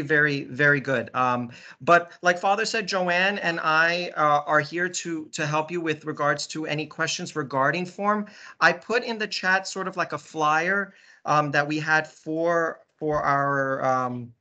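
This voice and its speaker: Brooklyn guy, slightly higher voice, crisp and forceful, stumbling through a video-call pitch. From Brooklyn, New York. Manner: halting, restarts words often. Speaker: diocesan catechesis resource staff. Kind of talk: casual presentation in an online meeting.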